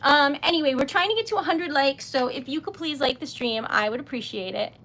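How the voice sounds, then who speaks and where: High-pitched and brisk, her tone a bit bright, a Rhode Island-accented woman hosts a craft livestream in a casual, rambling way, laughing often as she talks to viewers. She's from New England, and the recording is rough with slight background noise.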